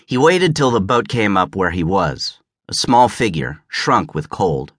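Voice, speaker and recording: A man narrating an audiobook as scripted narration, measured and even, on a close studio mic. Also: low voice, husky, dry recording.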